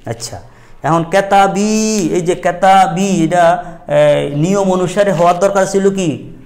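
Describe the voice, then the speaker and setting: A man's voice: high voice, slow pace, darkish tone. A middle-aged man, teaching a grammar lesson at a madrasa and quizzing his students with repeated questions.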